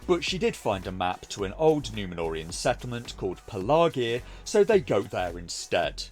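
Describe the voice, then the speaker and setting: A man narrates a scripted review as a mocking critic. His pitch swings in a very animated way from phrase to phrase, with faint music underneath. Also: moderate pace. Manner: mocking, sarcastic. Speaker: video reviewer.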